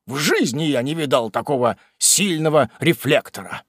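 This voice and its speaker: A man doing an excitable, courtly old gentleman. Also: on the high side, normal speed, dry recording, clean studio sound, pitched above the performer's own voice. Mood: excited.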